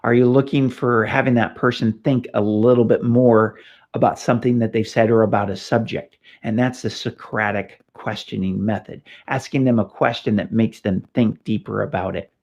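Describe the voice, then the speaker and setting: The Californian host of this informal police training talk speaks at normal speed in a lowish, slightly mellow voice with fairly even intonation. Middle-aged and anecdotal, he often uses fillers and restarts sentences, and the lo-fi audio is a bit dull.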